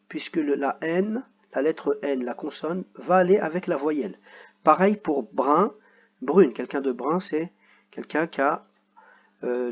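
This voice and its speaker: Male schoolteacher, very slow and patient, slightly husky voice, muffled low-fi sound. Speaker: teacher. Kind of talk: reading lesson for children.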